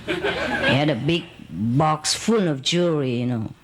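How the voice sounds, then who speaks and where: A woman's voice: low-pitched, unhurried, background noise. A woman telling a long personal story in casual, non-native English, rambling and laughing as she goes.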